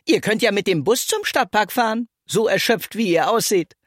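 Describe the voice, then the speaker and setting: A storyteller voicing a bold, sharp-tongued young girl goalkeeper, mocking and resolute. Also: mid-range voice, expressive, normal speed, slightly rough, no echo, studio quality, pitched above the performer's own voice.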